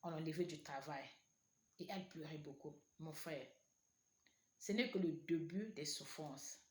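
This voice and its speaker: Low-pitched woman preaching. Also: normal speed. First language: not French. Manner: earnest, repetitive, exhorting. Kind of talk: sermon, exhortation to online viewers. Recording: echoey room.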